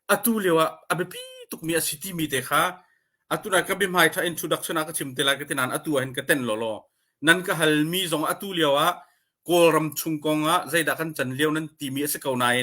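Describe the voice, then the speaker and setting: A man giving an informal educational talk on a community livestream, deliberate and dropping English terms into his speech. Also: fairly high pitch, sharp tone. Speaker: speaker at a community support livestream.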